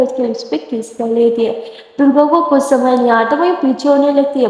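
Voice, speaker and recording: High-voiced woman telling a story in an echoey room. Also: dark tone. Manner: casual, slips into dialogue, repeats words. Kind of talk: narrating a romance story, voicing characters. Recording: very echoey room with long reverb.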